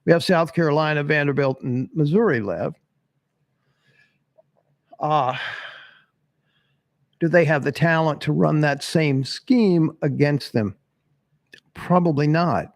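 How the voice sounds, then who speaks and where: A Tennessee man hosts a sports podcast, giving casual live-stream commentary while reading chat, blunt and swearing freely as he laughs at himself. His voice is on the high side, slow with long pauses, and there's no echo.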